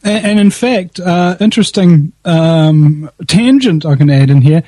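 High-pitched, slightly husky New Zealand man. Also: measured pace, warm tone, dry recording. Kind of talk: animated casual political chat.

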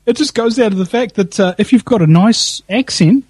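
A man's voice: high-pitched, moderate pace, darkish tone, breathy edge, no echo. A man with a broad New Zealand accent chatting casually about politics in a sardonic, anecdotal way. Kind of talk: animated casual political chat.

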